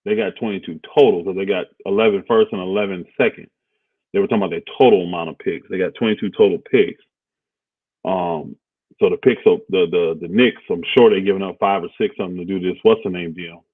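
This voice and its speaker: A deep-voiced man talks through sports news in a loose, rambling way, pausing on fillers as he thinks aloud. The sound is dry and thin, like a phone line. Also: fairly even intonation, husky, dry recording. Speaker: co-host of a basketball talk stream. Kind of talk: casual sports talk livestream.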